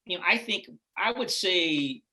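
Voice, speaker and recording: A middle-aged guest actor from Los Angeles, USA, chats loosely in a casual interview with a laid-back Californian accent, rambling and saying "like" and "right?" a lot. His voice sits high and is expressive and unhurried, with a sharp tone.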